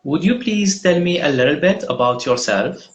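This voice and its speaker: A man's voice: a little high, animated, moderate pace. A man hosting a live online mock job interview over a video call, speaking in a friendly, hesitant way with frequent fillers.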